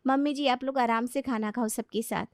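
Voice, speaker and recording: A woman voicing a lazy, carefree young bride who talks in a drowsy, drawn-out voice. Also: fairly high pitch, fairly even intonation, no echo, clean studio sound, voice pushed up, natural voice. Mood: breezy, carefree.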